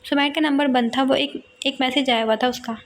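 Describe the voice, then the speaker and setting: High-voiced woman narrating a novel. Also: fairly even intonation, brisk, slight background noise. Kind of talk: scripted audiobook narration.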